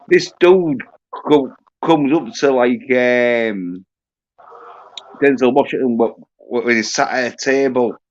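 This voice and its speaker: A man hosting a livestream in casual chat, talking haltingly with lots of fillers and restarts. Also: mid-range voice. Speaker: livestream host. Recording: muffled lo-fi audio.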